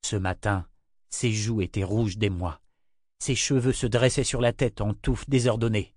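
A man reading an audiobook in an even, measured manner. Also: on the low side, no room sound, studio quality. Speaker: audiobook narrator. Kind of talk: scripted narration.

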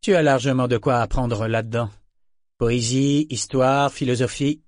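A man voicing a cold, controlling male pirate captain with a smooth, threatening manner. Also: medium pitch, steady tone, unhurried, no room sound, clean studio sound, lightly acted. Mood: menacing.

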